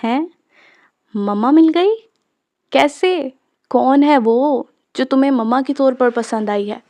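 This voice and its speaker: A woman's voice: fairly high pitch, normal speed, dark tone, lightly acted. A woman reading the part of a young man, an uncle, who answers surprised and firm in a storybook.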